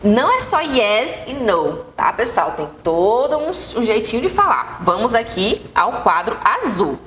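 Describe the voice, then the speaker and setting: A woman's voice: a little high, sing-song, fairly bright tone, roomy sound, slight background noise. A Brazilian woman teaching an English lesson on TV, patient and repetitive, checking that students follow. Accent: Brazilian Portuguese. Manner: patient, repeats examples slowly, checks in with "tá bom?". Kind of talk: TV classroom lesson. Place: TV studio set.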